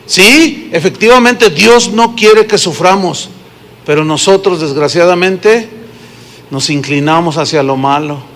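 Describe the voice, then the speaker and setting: Long reverb from a hall fills this recording of a pastor with a Mexican accent. Speaking at a measured pace in a high, slightly bright voice, he preaches by telling stories and questioning his congregation.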